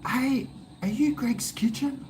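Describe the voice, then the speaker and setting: A man's voice: very high-pitched, slow, a little mellow, a little hiss or hum, pitched above the performer's own voice. A man voicing an eager, chirpy young woman fan in a gushing manner, in a casual vlog. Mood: excited.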